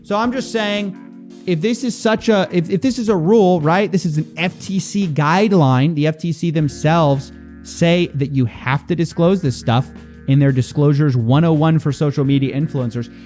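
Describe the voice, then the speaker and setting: A man's voice: on the high side, moderate pace, a little mellow. A man speaking straight to camera in a commentary video, exasperated and incredulous as he calls people out, with faint music underneath. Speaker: online investigative commentator.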